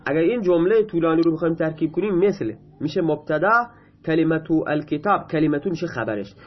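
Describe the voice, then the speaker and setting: A husky, fairly high-voiced man working through a grammar lesson, reading a line of text and then patiently explaining it in his own words. He speaks Persian as his first language. The recording is a little muffled and lo-fi. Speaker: Arabic grammar teacher.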